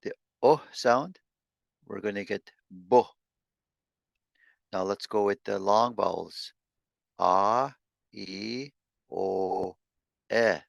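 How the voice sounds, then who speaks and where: A man leads an online language lesson, speaking in an unhurried, gravelly low voice. He sounds out syllables one by one, pausing and restarting often. The sound is dry and close, as on a video call. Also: no echo. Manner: slow, halting, with many restarts while sounding out syllables. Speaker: language teacher.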